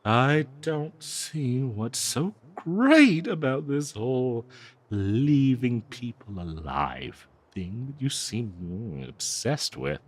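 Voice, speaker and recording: In an audio roleplay, a man voices a talking cursed dagger that is possessive, bloodthirsty and lovesick, addressing the listener in a theatrical, doting yet menacing way. His medium-pitched delivery is very animated but halting, with hesitations, and the mood is indulgent and condescending.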